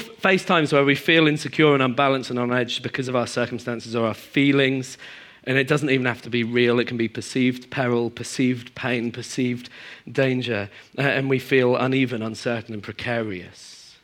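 A man preaching a sermon to a congregation, moving between emphatic high passages and quiet, low stretches. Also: moderate pace. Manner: animated, swings from emphatic highs to quiet low asides. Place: church hall in front of a congregation.

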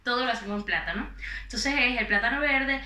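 Bright-voiced Venezuelan woman, echoey room. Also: on the high side, a little fast. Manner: animated, laughs often. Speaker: guest. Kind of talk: casual podcast chat.

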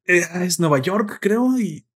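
A man's voice: high voice, lively intonation, takes it slowly, husky. A young man with a Mexican Spanish accent, chatting casually and joking, dropping slang in nearly every sentence. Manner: slangy, joking, says güey constantly. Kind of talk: casual chat.

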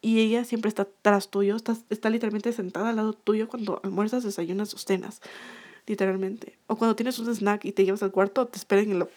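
A woman's voice: medium pitch, fairly even intonation, brisk, a little mellow. A young woman casually telling a story to her viewers, chatty and repetitive, with frequent fillers and restarts.

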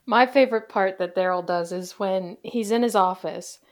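A woman hosts a casual podcast from inside a closet. Her medium-pitched voice is chatty and jokey, like talk among friends. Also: normal speed. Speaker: podcast host.

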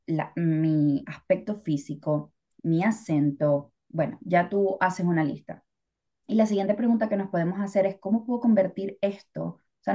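Venezuelan lady rambling on a podcast, warm low-key tone, lots of "o sea". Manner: chatty, reflective, many fillers. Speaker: podcast co-host. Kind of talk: casual podcast chat.

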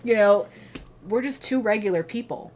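A woman's voice: a little high, normal speed, darkish tone, a little hiss or hum. Rambling woman podcast guest. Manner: rambling, heavy use of "like" and "you know". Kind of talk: casual chat.

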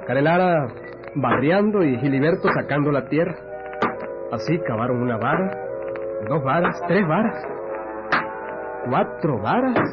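A man, narrating a folk tale in a folksy, unhurried way. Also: on the high side, lively intonation. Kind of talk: folksy radio storytelling. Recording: lo-fi radio recording with music and crowd.

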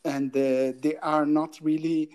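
A man's voice: fairly high pitch, flat delivery, measured pace, darkish tone, clear, resonant tone. A man who grew up in Italy co-hosting a podcast, speaking hesitantly and often restarting while he searches for words. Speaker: podcast co-host. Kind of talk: casual podcast chat.

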